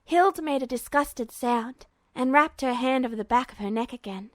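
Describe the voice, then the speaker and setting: Narrating a scripted fan fiction story, this high-voiced woman reads at normal speed. There's no room sound in the recording; it's extremely dry.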